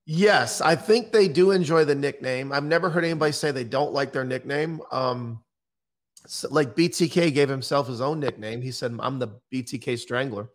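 This middle-aged man from the United States has a medium-pitched voice and a moderate pace, and his manner is blunt and matter-of-fact. A true-crime author and interviewer, he's guesting on a podcast in a conversational interview, joining by video call from an indoor room with a microphone on a boom arm.

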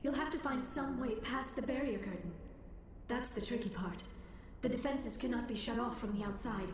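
A woman's voice: a little high, normal speed, close to an everyday voice. An actress playing an anxious, earnest young female alien scientist in a video game, speaking in careful formal words. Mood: worried, explaining. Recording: echoey, distant game audio with noise.

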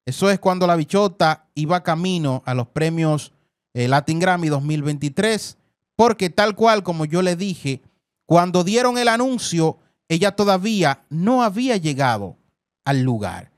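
An effusive man hosts a celebrity news segment, talking over clips and addressing viewers as family. His voice sits somewhat high for a man. The recording is close and dry, with no room sound. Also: animated, unhurried, no room sound. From Dominican Republic. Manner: effusive, repeats words, calls viewers "family". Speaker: entertainment news host.

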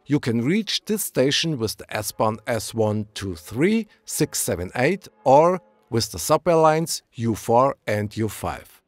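A man's voice: mid-range voice, big pitch swings, slow, few pauses, dry recording. A man, co-hosting a travel vlog and narrating location facts in an upbeat way. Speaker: co-host. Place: busy city square outdoors.

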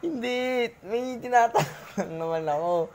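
Crowd noise surrounds a woman vlogging with friends, who badgers them with the same questions over and over, teasing and swearing crudely. She speaks unhurriedly in a fairly high voice.

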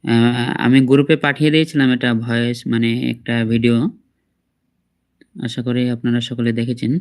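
A man teaching Quran recitation in an online class, patiently explaining mistakes and slowly reciting the words. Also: mid-range voice, steady tone. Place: online class, voice over a shared screen.

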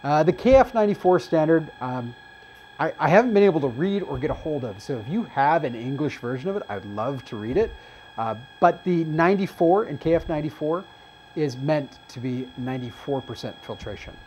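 A man's voice: on the high side, expressive, a little fast, a little mellow, a little hiss or hum, low-quality recording. A man hosting a casual review show, explaining test results as he goes with frequent fillers. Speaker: host reviewing face masks.

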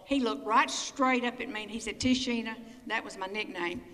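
Speaking a little fast in a sharp, medium-pitched voice, an older woman shares folksy anecdotes as an interview guest, laughing as she chats. She's in a community building hall, heard from a distance with plenty of echo.

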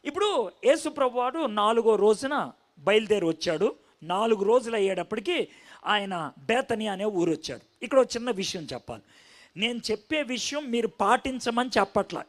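A man preaching a Bible-teaching sermon with a high voice. He tells the passage as a story and keeps checking in with his listeners through questions. His pitch rises and falls in wide, expressive swings. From India.

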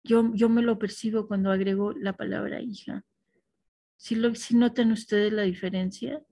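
A woman teaching a class, talking thoughtfully with restarts and soft affirmations to her students. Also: medium pitch, fairly even intonation, normal speed, dry recording.

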